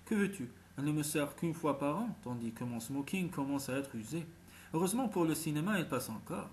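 A man's voice: on the high side, animated, a little fast, a little hiss or hum. A man doing an old Santa performer. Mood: genial. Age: older. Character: old man playing Santa, cheerful, modest.

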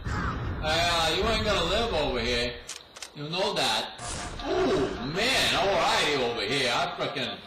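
A man's voice: a little high, very animated, a little slow. A man voicing a brash, trash-talking New York tough guy while playing a video game, with a put-on New York accent, laughing and mocking his rivals. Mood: gloating. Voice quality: laughs a lot, calls rivals mooks and goombas. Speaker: gamer. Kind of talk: trash talk over game voice chat. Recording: echoey, distant mic, clear noise.

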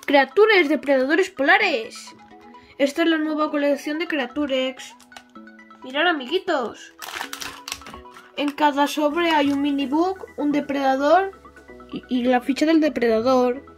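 Female kids' toy channel host, very high voice, sing-song and enthusiastic, music underneath. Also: fairly even intonation, a little slow, pauses often. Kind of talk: toy unboxing for children.

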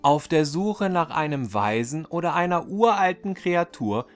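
With faint music in the background, a man narrates a fairy tale as a storyteller. His pitch leans high, and the scripted reading is expressive and deliberate.

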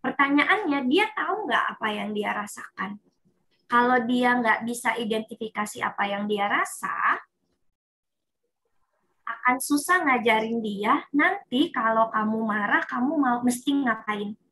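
A woman's voice: a little high, unhurried. A woman therapist explaining step by step to a parent, often acting out what a child would say. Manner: explains with acted child quotes, animated. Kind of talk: consulting conversation.

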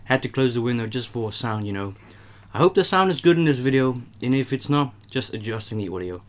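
A man's voice: mid-range voice, expressive, brisk. Laid-back young man chatting in an attic. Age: young adult. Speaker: host. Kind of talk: casual mukbang chat. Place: small warm attic room, indoors.

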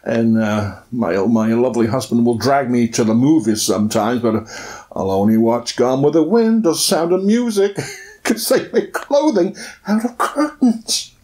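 A man's voice: medium pitch, a little slow, darkish tone, close to an everyday voice. A man voicing a chatty, rambling woman obsessed with curtains in a spoof news interview.

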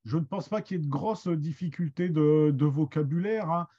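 A man's voice: a little high, normal speed, warm tone, breathy edge, highs cut off. A middle-aged man teaching an online master class, hesitant and full of restarts. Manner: hesitant, many restarts and fillers. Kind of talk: online lesson, loose explanation.

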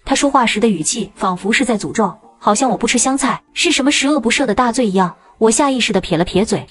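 A woman narrating a cartoon story in a brisk, dramatic storytelling way. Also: fairly high pitch, animated, slightly rough.

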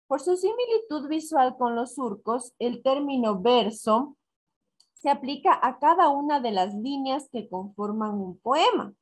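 In a recorded online class from an Ecuadorian school, a woman teacher with a somewhat high voice works through the lesson at a slow, careful pace. She counts out syllables and asks herself questions, then answers them, one step at a time.

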